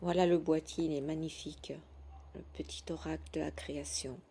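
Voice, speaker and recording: A woman talks through her daily routine in a relaxed, unhurried way. Her voice sits low and sounds warm and mellow. She pauses often and fills gaps with soft hesitations. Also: slight background noise. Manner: gentle, hesitant, with many fillers. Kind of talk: casual chat.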